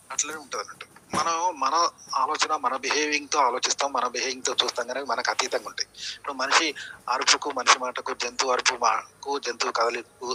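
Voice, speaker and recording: A man's voice: medium pitch, heavy background noise. A man giving a rambling spoken lecture as a channel host, looping back with repeated phrases and rhetorical questions.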